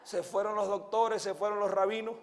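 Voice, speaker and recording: A high-pitched man preaches with fervor, leading a congregation in repetitive prayer and swinging from hushed tones to full shouts. His voice rings through a large church hall with a long, echoing reverb. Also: level tone, brisk. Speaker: evangelist. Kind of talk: sermon and altar prayer.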